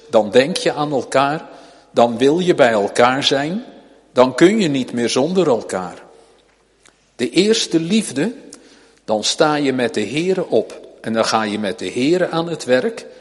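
A man's voice: mid-range voice, animated, unhurried. A man preaching a sermon to his congregation, pleading earnestly and urgently, with rising emphasis. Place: church. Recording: long reverb of a church hall.

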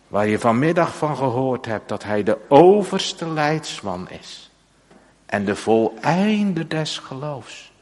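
A man preaching a sermon to his congregation in a slow, solemn way, with long pauses and repeated phrases. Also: mid-range voice. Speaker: pastor. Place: church. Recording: church hall with long reverb.

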